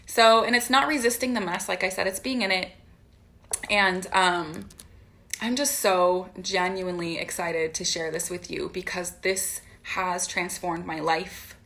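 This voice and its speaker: A woman's voice: mid-range voice, a little slow, creaky, fairly bright tone. A woman hosting a live stream as a coach, giving an impassioned motivational talk and stacking repeated phrases for emphasis. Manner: impassioned, emphatic, keeps checking in with "right?".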